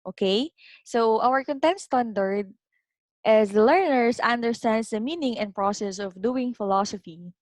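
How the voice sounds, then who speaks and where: A woman's voice: a little high, a little slow, a little mellow, no echo. A woman teaching an online philosophy class, explaining step by step and checking in with "okay?".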